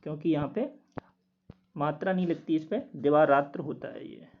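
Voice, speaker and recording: A man working through quiz answers as a teacher, steadily repeating each word slowly to explain it. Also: a little high. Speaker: Hindi test teacher. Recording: dull lo-fi recording.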